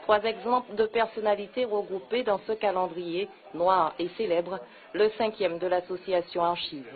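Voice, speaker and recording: A woman reading a scripted news report in a measured, even way. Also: mid-range voice. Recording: narrow phone-like audio.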